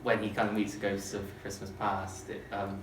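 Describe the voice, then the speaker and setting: A man teacher chatting casually about a novel, relaxed and rambling with many fillers. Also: lowish voice, a little fast. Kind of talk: casual literature lesson chat. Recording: roomy, distant mic, clear background noise.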